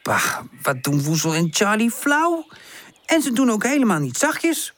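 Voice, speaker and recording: A woman's voice: medium pitch, big pitch swings, unhurried, a bit bright, no room sound. A woman voicing a tidy, bossy young female dog in a children's audiobook, often scolding and exasperated. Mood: fussing. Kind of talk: audiobook character voice.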